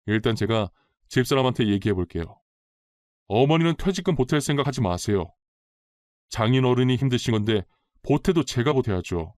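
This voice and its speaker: A man's voice: mid-range voice, animated, normal speed, a little mellow, dry recording, natural voice. A man voicing a level-headed grown son who speaks earnestly and reasons things out.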